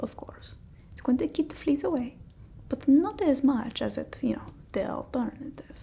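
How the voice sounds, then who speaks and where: A woman performs a bossy, doting vampire tending her human familiar, sounding matter-of-fact and fussy in this ASMR roleplay. Her high voice stays soft and breathy, often whispered, with a slow, halting, gently scolding manner, and there's slight background noise.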